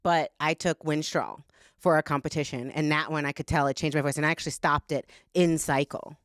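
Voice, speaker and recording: A woman on a podcast talks candidly and casually, blunt and profane, swearing freely and saying "like" constantly. Her deep voice is steady and fairly quick, on a dry, studio-quality recording.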